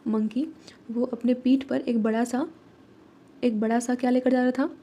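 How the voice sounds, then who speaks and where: Flat-voiced woman teacher with an Indian accent. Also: a little high. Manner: explains slowly and repeats, asks rhetorical questions. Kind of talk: lesson explanation, mixing Hindi and English. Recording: dull lo-fi recording.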